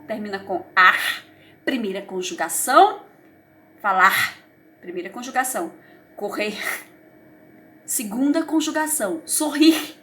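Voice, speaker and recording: A woman's voice: fairly high pitch, sharp tone, slight background noise. Encouraging Brazilian woman teaching young children. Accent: Brazilian Portuguese. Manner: patient, encouraging, checks understanding often. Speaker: primary school teacher. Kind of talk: recorded review lesson for children.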